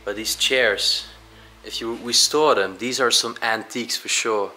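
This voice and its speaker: Bright-voiced young man exploring ruins. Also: mid-range voice, measured pace, faint music behind, poor audio. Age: young adult. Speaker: urban explorer, co-host. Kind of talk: casual exploration vlog commentary. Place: large abandoned mansion, indoors.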